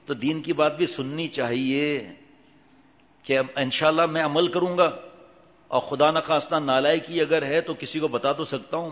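A man's voice: fairly high pitch, a bit bright. Man preaching in an echoing hall. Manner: conversational, asks the audience questions, acts out the voices in his stories. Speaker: Islamic preacher. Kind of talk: sermon with anecdotes. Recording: dull, long hall reverb.

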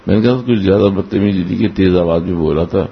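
A man slowly recounting memories of his spiritual master to a gathering, in an unhurried, halting way with restarts and small chuckles. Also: low voice. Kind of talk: anecdotal storytelling to a gathering. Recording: dull lo-fi recording with faint hiss.

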